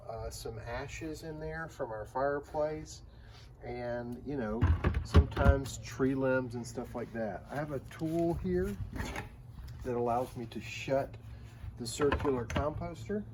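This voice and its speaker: Man, American accent, mid-pitched voice, informal children's how-to host, folksy, plain-spoken, clear outdoor background noise. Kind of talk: casual explanatory demonstration for children. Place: outdoors, backyard. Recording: noisy outdoor ambience.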